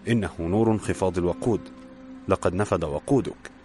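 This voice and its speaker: A calm, wry young engineer out of work , read by a man. He speaks evenly with a dry joke in it, his voice very low over soft music. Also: a little fast, close to an everyday voice.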